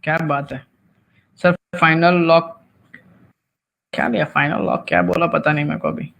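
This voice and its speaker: A man's voice: on the high side, fairly even intonation, fast, vocal fry, fairly bright tone, a little hiss or hum. A man teaching an online class, quizzing students and teasing them with Marathi asides. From Maharashtra. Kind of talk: live online class lecture.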